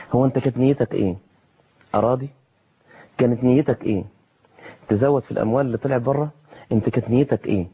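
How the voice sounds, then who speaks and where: A man's voice: medium pitch, mellow, breathy edge. A man with an Egyptian accent preaching on television in a colloquial way, full of rhetorical questions. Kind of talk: televised sermon.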